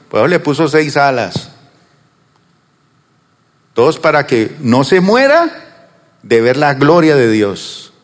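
A male pastor preaching to his congregation, asking them questions and answering them, slowing down on some words and rushing through asides. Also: mid-range voice, big-room sound. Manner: swings between slow drawn-out words and fast asides. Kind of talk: sermon. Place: church.

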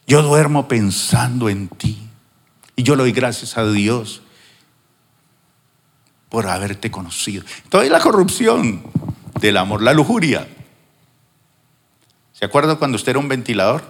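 A man preaching a sermon as pastor, teaching with acted-out examples and emphatic pauses. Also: medium pitch, very animated, slightly rough. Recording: long hall reverb.

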